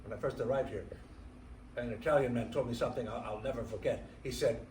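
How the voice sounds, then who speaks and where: A man's voice: mid-range voice, quick pace, lightly acted. An actor in a staged theatre reading playing a proud Ukrainian immigrant man who runs a clinic, speaking a reflective monologue. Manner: reflective monologue, lively delivery. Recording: roomy stage sound from far off, faint noise.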